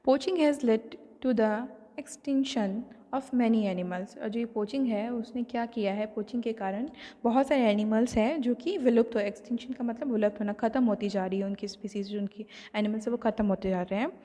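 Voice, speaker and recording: A woman with an Indian accent teaching an online class. She reads English textbook lines slowly, then explains them in Hindi with many fillers. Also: fairly high pitch, fairly even intonation, warm tone. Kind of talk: recorded lesson explaining a textbook. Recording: long hall reverb.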